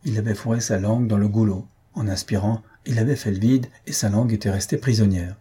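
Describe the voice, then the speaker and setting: A man narrating a comic story for an audiobook, steady and even. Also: on the low side, fast talker, husky.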